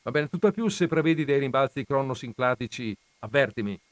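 A man voicing a relaxed alien father who explains things in a chatty way. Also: mid-range voice, a little fast, no room sound, close to an everyday voice. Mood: chatting. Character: alien father, many-armed cosmic controller, easygoing.

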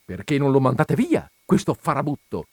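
Brief: man putting on a pompous older widow for a read-aloud story, high and lively, dry close sound. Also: moderate pace, slightly rough, dry recording. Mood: indignant. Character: fussy indignant older widow, a colonel's wife.

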